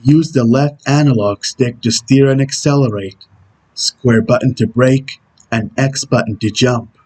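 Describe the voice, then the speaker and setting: A man voicing a stern, brooding video game antihero who gives terse tutorial instructions in a husky voice. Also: medium pitch, fairly even intonation, unhurried, darkish tone, natural voice, poor audio. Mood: stern, instructional. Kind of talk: character impression reading game tutorial instructions.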